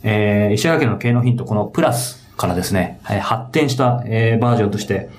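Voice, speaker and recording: A man's voice: on the low side, quick pace, a little mellow, slight background noise. A man hosting a podcast, speaking politely in a casual interview and announcement style. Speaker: podcast host.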